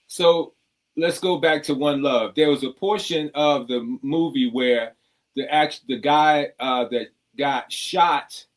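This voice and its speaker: A man hosts a casual radio talk show with a somewhat high voice. He tells stories with lively acted-out quotes. He lectures artists in a preachy tone. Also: slow. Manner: animated storyteller, acts out quotes in a raised voice.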